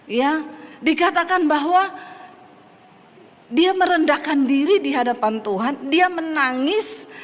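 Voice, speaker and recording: A woman's voice: sits high, slow pace, long pauses, long reverb tail. A woman pastor preaching a sermon, calling the congregation "brothers and sisters" and acting out inner voices. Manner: addresses congregation as "saudara", acts out inner voices.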